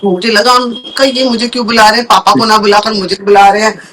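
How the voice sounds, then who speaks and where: A woman's voice: medium pitch, flat delivery, quick pace, a bit bright, slight background noise. A woman guest telling a personal faith story in conversation, speaking earnestly and repeating words for emphasis. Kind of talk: emotional personal testimony in conversation.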